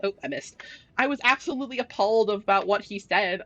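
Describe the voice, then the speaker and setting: A woman's voice: medium pitch, brisk, fairly bright tone, no echo, lo-fi sound. A young woman streaming a game, telling stories in casual rambling chat with lots of fillers and restarts. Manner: chatty storytelling, many fillers and restarts, laughs often.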